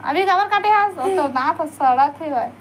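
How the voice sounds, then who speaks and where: A woman's voice: very high-pitched, animated, moderate pace, slight background noise. A woman with a Chhattisgarhi accent chatting casually on a live stream, coaxing viewers to stay and like the stream. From Chhattisgarh, India.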